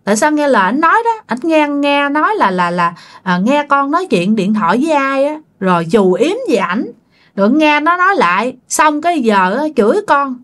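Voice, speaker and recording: A hurt young woman, as a woman storyteller puts her on, with a Southern Vietnamese accent, stumbling and repeating herself through tears. The voice rides a touch high, soft and pleading. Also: sing-song. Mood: tearful. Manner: halting, tearful pleading.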